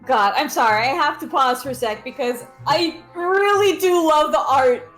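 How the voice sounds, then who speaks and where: A woman's voice: high-pitched, moderate pace, fairly bright tone, faint music behind. A woman co-hosting a game let's play, giggling often and reading the game's text aloud with expression. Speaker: let's play co-host and reader.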